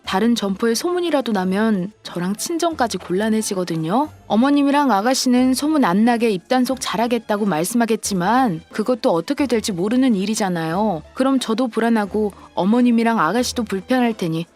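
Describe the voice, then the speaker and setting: A woman with a fairly high voice reads an audio drama and speaks as the heroine. She stays firm and composed, making her points sharply, with soft music playing underneath. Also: lively intonation, a little fast, few pauses. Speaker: narrator and heroine voice.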